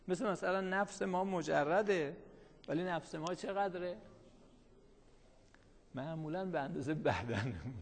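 Speaking in a large hall, this fairly high-voiced man teaches a classroom lecture. Line by line, he reads from the text and puts it into plain speech, often asking his students something and then supplying the answer.

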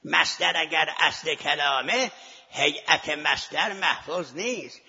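Gravelly bright-voiced male lecturer. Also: on the high side. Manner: argumentative, poses rhetorical questions to the class. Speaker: seminary teacher. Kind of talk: scholarly lecture to students. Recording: lo-fi recording with long hall reverb.

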